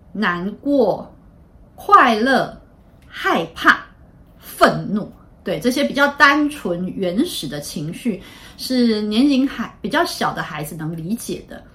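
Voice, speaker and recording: A woman from Taiwan, a child psychiatrist hosting a podcast, explaining in a calm, patient way with frequent pauses. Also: medium pitch.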